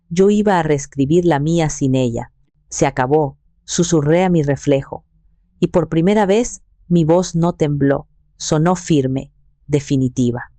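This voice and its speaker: A woman in her sixties narrating a first-person story in a calm, measured way. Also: low voice, no room sound. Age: 60s.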